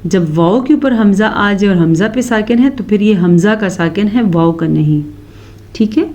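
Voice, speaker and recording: A woman teaching Quran recitation rules to her students, explaining each rule and then reciting verses in a slow, drawn-out chant. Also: mid-range voice, expressive, darkish tone. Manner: addresses students directly. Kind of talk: recitation lesson.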